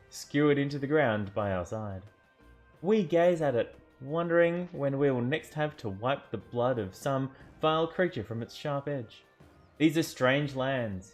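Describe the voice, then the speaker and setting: A man narrating an interactive fantasy adventure book aloud, theatrical, with joking asides and self-corrections. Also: a little high. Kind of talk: dramatic storybook narration.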